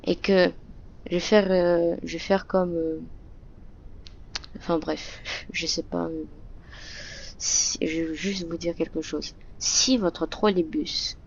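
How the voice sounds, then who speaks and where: A woman's voice: lowish voice, a little mellow, dull audio. A woman talking through a game tutorial in a casual voice-over, hesitant, with many fillers and restarts. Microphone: computer microphone.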